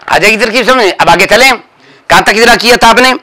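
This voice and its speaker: A man teaching a classroom grammar lesson, drilling his students with rapid questions and calling out answers. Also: high-pitched, bright, forceful tone, low-quality recording. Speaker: religious teacher.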